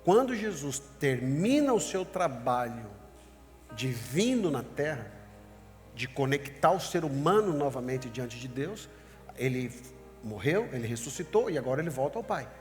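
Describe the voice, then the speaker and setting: A man's voice: mid-range voice, sing-song, unhurried. A man preaching as a pastor, emphatic and warning, speaking directly to his congregation, heard with a long echo and faint music. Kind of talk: sermon.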